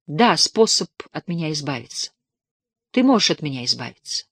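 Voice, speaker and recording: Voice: mid-range voice, big pitch swings, normal speed, a bit bright, husky, dry recording, clean studio sound, exaggerated voice. A reader voicing a remorseful, pleading young woman in a dramatic audiobook reading, tearful and imploring.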